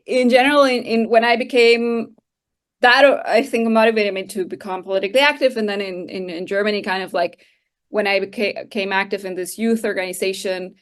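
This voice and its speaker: Costa rican woman in her 30s, guest on a podcast, explains stuff slowly w lots of pauses and "like"s. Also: medium pitch, steady tone. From Costa Rica. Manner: thoughtful, explaining with frequent hesitations and "like". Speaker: guest researcher. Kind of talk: conversational interview answers.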